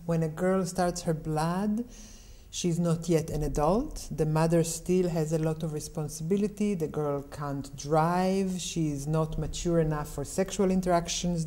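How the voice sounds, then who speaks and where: A middle-aged Israeli woman, appearing as an interview guest, answers questions without hurrying. Her low voice is mellow, and she explains things calmly and in a measured way.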